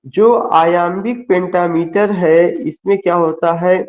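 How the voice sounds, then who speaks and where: A male literature teacher giving an online lecture, speaking deliberately and spelling out terms letter by letter. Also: high-pitched, steady tone, muffled recording. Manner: slow, deliberate, spells words letter by letter, mixes Hindi and English. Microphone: screen-share with whiteboard, computer mic.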